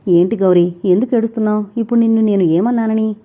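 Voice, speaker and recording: A woman reading the lines of a troubled young man in an audiobook, in a plain, slightly lowered voice. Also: steady tone, quick pace, phone-quality sound, lightly acted. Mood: tender. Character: troubled young man, gruff then tender.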